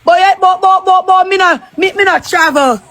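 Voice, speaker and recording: Rich: A very high, piercing Jamaican woman shouts taunts over and over in a heated live-stream quarrel. Her voice is bright and sharp as she hurls crude insults in thick patois. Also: moderate pace, dry recording.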